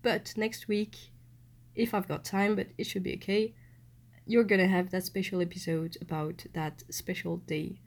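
A young woman talks straight to her podcast listeners in a relaxed, chatty way. Her voice is thickened by a cold, and her pitch sits in the middle of the usual range for a woman. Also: normal speed. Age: young adult. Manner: chatty, addressing listeners directly. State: has a cold. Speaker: podcast host. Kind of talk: solo podcast monologue.

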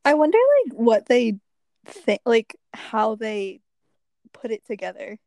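A woman's voice: fairly high pitch, measured pace, a little mellow, no room sound. Light-voiced young woman laughing along. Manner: laughing, easygoing. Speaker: guest. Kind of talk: casual chat, quiz game.

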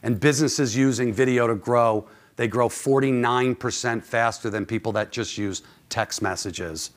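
A man's voice: medium pitch, normal speed. A man presenting informally to an audience as a conference speaker, conversational and often posing questions to listeners. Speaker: conference speaker, club manager.

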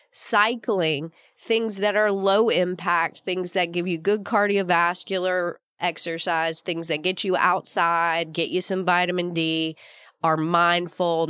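A woman's voice: fairly low pitch, fairly bright tone, no echo, studio quality. A woman with a slightly groggy voice hosting a solo podcast, explaining informally and coaching listeners with rhetorical questions. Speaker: podcast host.

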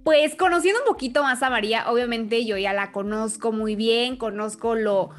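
A woman's voice: on the high side, normal speed, faint music behind. A woman hosting a faith podcast and interviewing a guest in an upbeat, chatty way. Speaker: podcast host.

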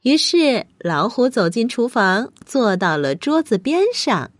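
A woman's voice: a little high, unhurried, no echo, studio quality. A woman hosting a children's bedtime story show, narrating expressively as if speaking straight to young listeners. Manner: expressive, addresses children with questions.

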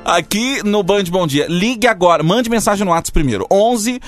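A man's voice: lively intonation, moderate pace, soft background music. A man with a Brazilian accent playing an eager deacon and sidekick in a TV comedy sketch, echoing the pastor and hyping the audience. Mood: hyped. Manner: hyping, echoing the pastor, sweeping pitch swings. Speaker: sidekick and announcer.

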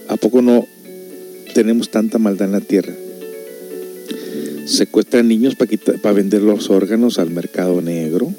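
Guy preaching about the end times, warm low voice, kinda moralizing, soft music under it. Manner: earnest, moralizing, reads scripture aloud with emphasis. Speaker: prophecy commentator. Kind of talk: preaching monologue on prophecy.

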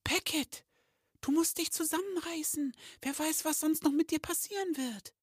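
An anxious young female Christmas elf, put on by a man, squeaking way up high with fretful pleading. The sound is dry and close. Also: normal speed, dry recording. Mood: worried. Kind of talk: storybook reading with voices.

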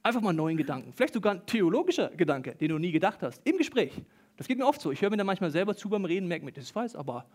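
A male preacher with a notably high voice, talking to his congregation in a loose, animated, conversational way. He speaks into a handheld microphone during a church service, often turning to the listener with a direct "you". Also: fast. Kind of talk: sermon.

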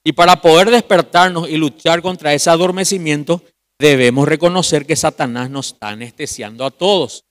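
Pastor preaching, quiet then loud. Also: male voice, fairly high pitch. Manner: addresses listeners as brother, asks rhetorical questions; swings from loud emphasis to quiet, drawn-out phrases. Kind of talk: youth meeting sermon.

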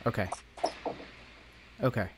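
A man's voice: slow, noisy background. Man, podcast co-host, casual rambling chat, laughs easily.

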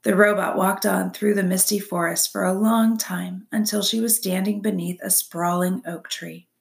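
A woman reading a chapter book aloud as a storyteller, expressive and dropping to soft whispers for suspense. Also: on the low side, gravelly. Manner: expressive, drops to soft whispers for suspense, asks listeners questions.

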